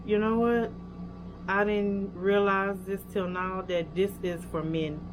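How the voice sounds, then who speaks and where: A young hair care vlogger with a Louisiana accent casually reviews hair products, talking directly to her viewers with plenty of fillers. Her mid-range voice is level and slow, and the background is noisy.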